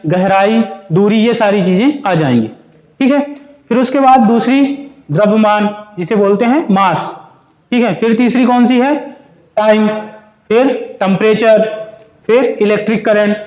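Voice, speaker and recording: A man's voice: high-pitched, a little mellow, echoey room, lo-fi sound. A male physics teacher giving a classroom lecture, explaining step by step, asking and answering his own questions, mixing Hindi and English terms.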